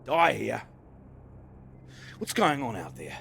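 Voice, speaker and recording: An actor playing a combative, sweary man with a gravelly voice, over loud game music. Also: mid-range voice, big pitch swings, takes it slowly, a little hiss or hum, exaggerated voice. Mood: tense. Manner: combative, sweary, shouting at times. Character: hostile, swearing British man holed up at a plane. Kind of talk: video game voice acting.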